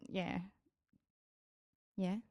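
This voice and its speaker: A woman's voice: extremely slow, mellow. A woman from Australia with a Brisbane accent, chatting casually and frankly as an interview guest. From grew up in Australia. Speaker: guest, Japanese interpreter-translator. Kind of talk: casual chat.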